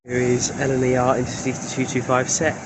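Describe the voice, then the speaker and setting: A man gives casual commentary as he spots trains at a station. He speaks in clipped little remarks and number call-outs. Loud train and ambient noise surrounds his voice. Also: medium pitch, completely flat delivery, brisk. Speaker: trainspotting vlogger. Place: railway station platforms. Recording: very noisy outdoor railway recording.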